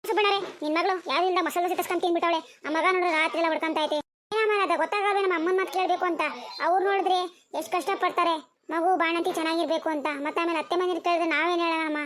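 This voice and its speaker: A woman's voice: extremely high pitch, fairly even intonation, racing, a bit bright. A woman voicing a fussy, preachy neighbor mother in a cartoon, gossipy and lecturing.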